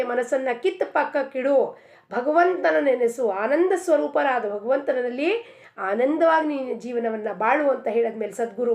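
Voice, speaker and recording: A woman's voice: sits high, creaky, a little mellow. A woman giving an earnest devotional discourse, asking many rhetorical questions. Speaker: spiritual speaker.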